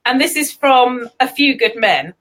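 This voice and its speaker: A chatty English woman hosts a relaxed live-stream conversation, laughing often as she talks. Her voice sits high and swoops lively up and down. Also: measured pace. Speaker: host. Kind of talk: casual live-stream chat.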